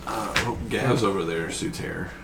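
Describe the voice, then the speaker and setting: A man's voice: deep voice, moderate pace. A man playing a tabletop game, answering in a dry, matter-of-fact way. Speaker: player. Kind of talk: tabletop role-play banter. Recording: roomy with clear background noise.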